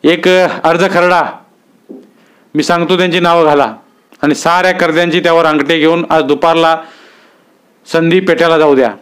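A narrator puts on a stern village headman, a middle-aged man barking curt commands in a raised, higher pitch. The voice stays smooth and clear throughout this storybook reading. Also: fairly even intonation, moderate pace, long pauses, a bit bright, close to an everyday voice. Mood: commanding. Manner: authoritative, issues curt orders.

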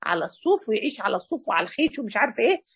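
High, lively Egyptian woman preaching. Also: rapid-fire, breathy edge, no echo. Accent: Egyptian Arabic. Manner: animated, colloquial and emphatic. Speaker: female Islamic preacher. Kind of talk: religious lesson.

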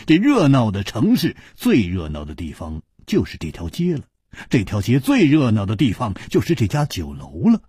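Male storyteller, husky voice, wildly varied pitch, dramatic drawn-out phrasing. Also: huge pitch swings, dark tone, no echo, studio quality. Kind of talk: long-form storytelling broadcast.

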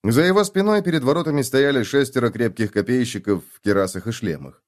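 A male narrator reads an adventure audiobook with a dramatic, expressive delivery. His voice sits in the middle of the male range, moving with lively pitch. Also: fast.

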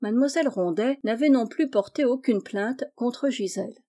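A woman reads a classic novel aloud in measured, clear narration. Her voice sits a little high but stays soft and mellow. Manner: measured and clear, acts out the dialogue. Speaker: audiobook reader.

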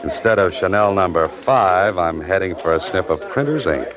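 An actor playing a wry, laconic hard-boiled writer-adventurer in a 1940s radio drama. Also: male voice, deep voice, animated, normal speed, crowd noise. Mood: wry, musing. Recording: muffled old radio recording, loud music.

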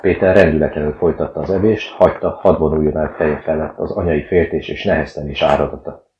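Male narrator, very low voice, calm even reading, slightly muffled, roomy sound. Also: a little hiss or hum. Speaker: audiobook narrator. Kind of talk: scripted narration. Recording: dull, roomy recording.

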